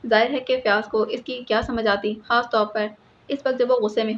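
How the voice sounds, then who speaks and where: A woman narrating an audiobook in a steady, measured storytelling manner. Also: fairly high pitch. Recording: slightly muffled with faint hiss.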